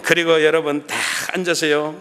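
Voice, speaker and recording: A man's voice: a little high, moderate pace. A middle-aged man preaching at a revival meeting, telling a story and acting out his own prayers for the congregation. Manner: animated, acts out his own prayers and shouts; addresses the congregation often. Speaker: guest pastor at a revival meeting. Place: church sanctuary. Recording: long church reverb.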